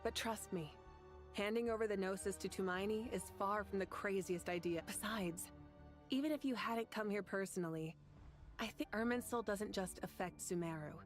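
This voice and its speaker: A woman's voice: mid-range voice, moderate pace, faint music behind, lightly acted. A woman voicing a confident, generous, easygoing warrior goddess of fire in a video game, casual and friendly. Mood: generous, reassuring. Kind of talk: video game story dialogue.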